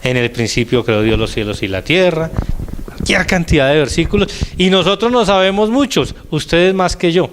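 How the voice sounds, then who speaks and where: Older male lay minister, sermon delivery, somewhat high pitch, deliberate emphasis. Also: animated, slight background noise. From Colombia. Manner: deliberate, slows and drops his voice on key words.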